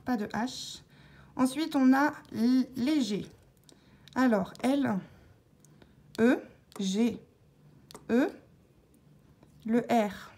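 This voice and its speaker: A woman vlogger talking through her scratch-card tickets, calmly spelling out letters one by one as she checks each word, with scratching sounds behind her. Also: fairly high pitch. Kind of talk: casual narration while scratching tickets.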